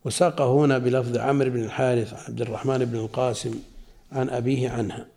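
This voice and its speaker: Male religious teacher, warm low-key voice, measured reading with everyday explanations. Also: level tone, vocal fry. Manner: slow, deliberate reading with spoken asides. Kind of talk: reading and explaining a classical text.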